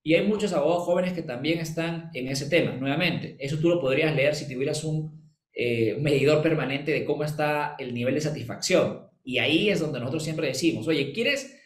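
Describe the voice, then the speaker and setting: A man's voice: a little high, fairly quick, roomy sound. A man with a Peruvian accent, answering an interview question as a legal management consultant and explaining with rhetorical questions and quoted examples. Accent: Peruvian Spanish. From Peru.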